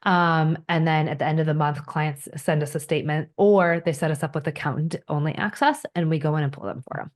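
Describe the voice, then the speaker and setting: A woman with a notably low voice talks as a podcast guest. She is direct and practical, explaining her bookkeeping work in a matter-of-fact tone. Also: steady tone, brisk, few pauses. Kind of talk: casual interview chat.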